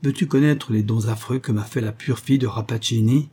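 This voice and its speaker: A man's voice: mid-range voice, brisk, husky, lightly acted. A man reading aloud voices an enraged, bitter young man who hurls contempt at his beloved. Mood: furious. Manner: loud, contemptuous outbursts.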